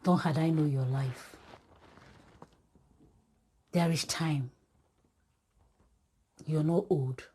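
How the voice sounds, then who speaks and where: A woman's voice: sits low, extremely slow, pauses often, mellow, slight background noise. A woman preaching an exhortation, speaking straight to her listeners with emphatic repetition.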